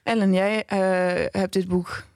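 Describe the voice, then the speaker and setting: A woman hosting a literary podcast in a studio, brisk and teasing as she leads the talk. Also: mid-range voice, flat delivery, darkish tone, no echo. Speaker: podcast host. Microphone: studio microphone.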